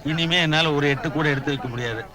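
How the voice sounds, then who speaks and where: A man's voice: on the high side, quick pace, pushed and bright. An actor playing a god visiting earth as a man, who asks innocent, wondering questions in a Tamil film comedy. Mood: curious.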